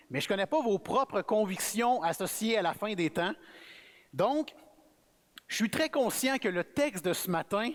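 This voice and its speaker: A man with a Québécois French accent, preaching as a guest speaker in a relaxed, friendly, conversational sermon. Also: high voice. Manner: relaxed, friendly, self-effacing. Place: church sanctuary. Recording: reverberant church hall.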